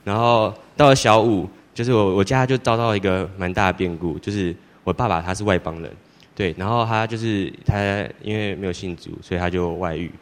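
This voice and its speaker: A teenage boy giving a church testimony in a rambling, halting way, with many restarts. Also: sits low. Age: teens. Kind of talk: personal testimony. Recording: long hall reverb.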